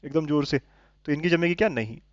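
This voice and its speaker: A fairly high-voiced man teaches maths, coaxing his students along and checking that they follow. The sound is dull and lo-fi, close and dry. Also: a little fast, no echo. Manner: coaxing, keeps checking understanding with tag questions. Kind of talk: explaining lesson to students.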